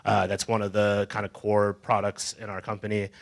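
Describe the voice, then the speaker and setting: A man on a meetup panel recounts how he learned his job. His voice is fairly low with a gravelly fry. He hedges often and fills pauses. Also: monotone. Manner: hedging, many "kind of" and "uh". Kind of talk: casual personal story at a panel. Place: meetup event room.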